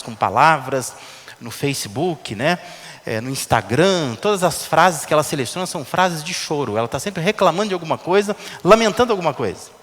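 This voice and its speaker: A man's voice: fairly high pitch, a bit bright, in a large hall. A man preaching a sermon, talking to his listeners in a conversational way and asking many rhetorical questions. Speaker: pastor.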